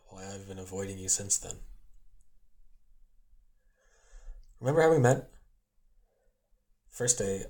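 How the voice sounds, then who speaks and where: A young man playing an awkward, lovestruck college student in an intimate audio role-play, stammering and halting as he makes a confession. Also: deep voice, darkish tone. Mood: nervous, confessional. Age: young adult.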